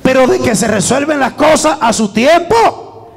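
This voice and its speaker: High-voiced fervent preacher in a reverberant church. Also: male voice, animated, a little slow. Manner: fervent preaching with call-and-response to the congregation. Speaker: pastor. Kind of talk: sermon.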